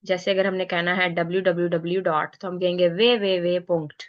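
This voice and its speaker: A woman teaching a beginner language class, patiently spelling out letters and repeating each one slowly. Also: lowish voice, fairly even intonation, dull audio. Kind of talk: slow bilingual lesson, spelling out letters.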